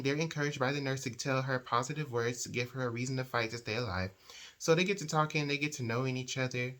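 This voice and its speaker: A man's voice: mid-range voice, fairly bright tone. A man giving a casual, opinionated retelling of a book's plot in a chatty storytelling manner. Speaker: book reviewer. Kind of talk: casual book recap.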